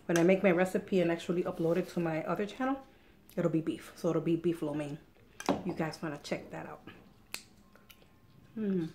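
A woman's voice: fairly low pitch, a little mellow, a little hiss or hum. A middle-aged woman hosting an eating show, chatting casually while she eats at home. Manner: chatty, eats and talks with mouth full.

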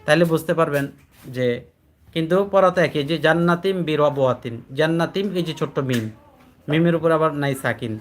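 A man with a slightly raised pitch speaks in to a classroom of adult learners, teaching Quran recitation. He explains each rule more than once and keeps checking that they follow. When he recites examples he slows to a drawn-out chant. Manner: patient, repetitive, checks understanding with questions; chants recited words slowly, drawing out syllables. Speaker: addressed as hujur by students.

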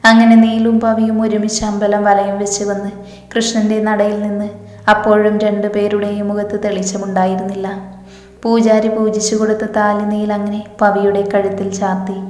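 A woman's voice: mid-range voice, darkish tone. A woman narrating a romantic story and reading the characters' lines herself in a near-level voice. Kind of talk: scripted story narration with acted dialogue. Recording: echoey room with long reverb.

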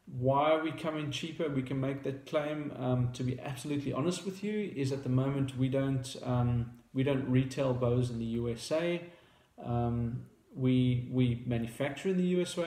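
The speaker is a company founder in his thirties, South African-accented, casually walking the camera through a product from a table in a small indoor room. He has a warm, mid-range voice that echoes with reverb. His delivery is hesitant, broken by many fillers and false starts.

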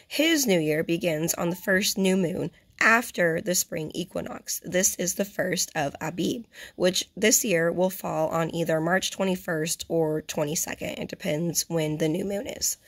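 A young woman with a hoarse, partly lost voice, giving a religious teaching as host and often clearing her throat. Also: fairly low pitch. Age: young adult. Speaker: fellowship host and Bible teacher. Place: small indoor room. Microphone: phone at arm's length.

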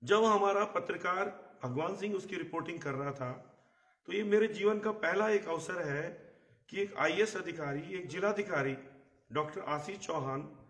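Hoarse middle-aged man, higher-pitched voice. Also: moderate pace, fairly bright tone, echoey room. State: hoarse, recovering from a bad cough. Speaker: journalist and live show host. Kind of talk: live political commentary. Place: outdoor terrace in the hills. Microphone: phone a short distance away.

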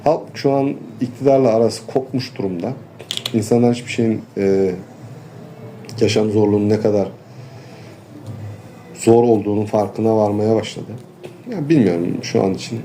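A man, a farmer and local official, talking earnestly in a street interview and pausing often with fillers. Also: on the low side, warm tone, a little hiss or hum. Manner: earnest, complaining, halting with fillers.

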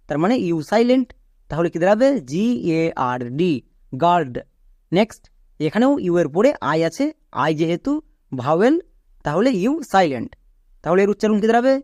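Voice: medium pitch, darkish tone, no echo, clean studio sound. A teacher giving an online pronunciation lesson. They patiently repeat each rule and spell words out one letter at a time.

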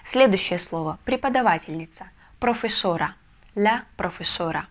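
A woman's voice: mid-range voice, normal speed. Patient Russian-speaking woman teaching Spanish. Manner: patient, steady explaining with soft "mhm" confirmations. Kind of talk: online video lesson. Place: language school in a Russian city.

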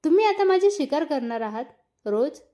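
A woman's voice: high-pitched, big pitch swings, moderate pace, dark tone, pitched above the performer's own voice. A woman voicing a shy, nervous young wife who speaks timidly in a read-aloud story. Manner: timid and hesitant.

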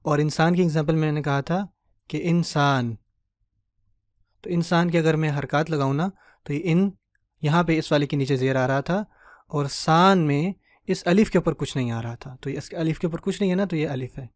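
A man teaching an online grammar lecture, patient and explanatory, who checks in with his listeners often and spells out word endings slowly. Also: on the high side, dry recording, clean studio sound.

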